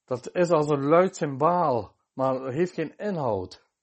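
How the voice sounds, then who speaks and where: A man preaching a sermon. His voice sits a little high, and he quotes scripture chapter by chapter, stressing key phrases with earnest emphasis. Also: takes it slowly.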